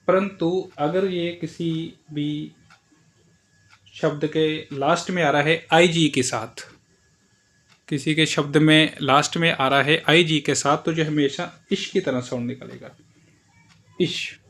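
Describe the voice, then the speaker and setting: A man's voice: on the high side, fairly even intonation, slow, a bit bright. A man teaching German pronunciation in Hindi, explaining letter by letter and repeating each example word several times. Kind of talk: language lesson explaining pronunciation.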